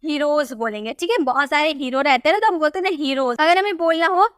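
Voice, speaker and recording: A woman's voice: high-pitched, lively intonation, quick pace, fairly bright tone, dry recording, studio quality. A woman teaching English pronunciation rules step by step, repeating words and quizzing the viewer. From India.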